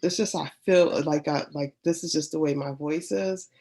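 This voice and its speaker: A woman's voice: low-pitched, normal speed, dark tone. A woman with a congested, stuffy-sounding voice, chatting casually in a lax, hesitant, trailing way. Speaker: sewing group member showing her projects. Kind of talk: casual chat.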